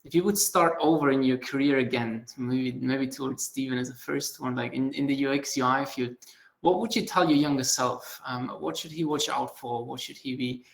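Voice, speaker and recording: A man hosts a casual panel over a video call, friendly and halting, often doubling his words as he feels his way into a question. His voice sits in an ordinary middle range with a noticeably gravelly edge. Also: medium pitch, steady tone. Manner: friendly, hesitant, repeats words while asking questions. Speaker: panel moderator.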